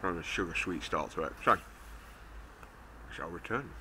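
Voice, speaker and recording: A man reviewing pipe tobacco in a casual, halting monologue, talking with a pipe in his mouth. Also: low voice, expressive, bright, forceful tone, a little hiss or hum. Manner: unhurried, halting, with many pauses.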